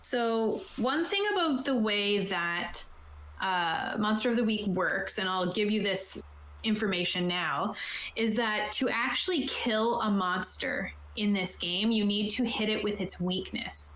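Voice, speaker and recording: A woman with a medium-pitched, fairly bright voice speaks at a measured pace as a game master on an online video call. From an indoor room, she casually explains tabletop game rules and reads rulebook passages aloud. The home recording sounds roomy and echoey.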